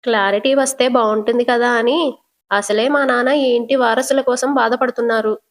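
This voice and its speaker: A woman's voice: fairly high pitch, steady tone, moderate pace, close to an everyday voice. A woman voicing an arrogant young husband who talks bluntly and scolds, in a serial recap. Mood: dismissive.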